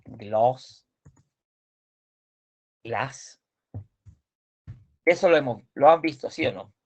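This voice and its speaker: A man teaching a language class, slowly explaining pronunciation, repeating words and correcting his students. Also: a little high, lively intonation, lo-fi sound. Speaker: Swedish teacher.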